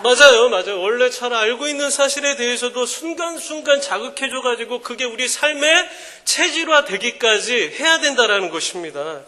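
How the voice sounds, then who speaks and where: A man in his thirties giving a joking, animated sermon-style talk at a mothers' prayer meeting. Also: sits high. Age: 30s. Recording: echoing hall reverb.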